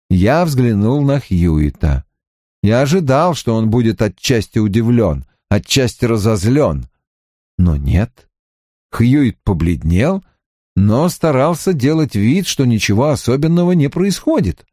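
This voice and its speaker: A man narrating an audiobook in a deliberate, expressive way. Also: medium pitch, dry recording, studio quality. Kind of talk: audiobook reading.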